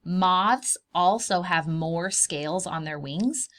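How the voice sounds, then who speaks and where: With a lowish voice and a slow pace, a woman runs a read-aloud session for preschoolers. She's a preschool teacher who explains things in simple, expressive terms, leans on key words for the little ones and asks them questions.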